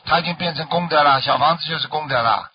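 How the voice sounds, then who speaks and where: On a radio call-in show, a Buddhist master explains dreams to callers in plain terms and often checks that they've understood. His male voice is a little high and fast, and the audio sounds dull.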